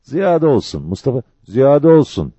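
A man doing an eager young villager, higher. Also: big pitch swings, a little slow, dark tone, breathy edge, dry recording, muffled recording.

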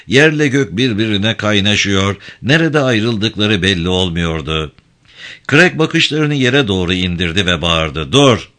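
A man reading a novel aloud in a dramatic, measured audiobook narration. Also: lowish voice, sharp tone.

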